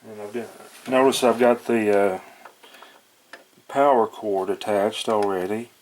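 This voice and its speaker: A man with a lowish, darkish voice talks a little slowly as he demonstrates an electronics repair as a hobbyist, narrating casually and unscripted in a folksy, hesitant way while thinking aloud. Background noise and clicks are noticeable.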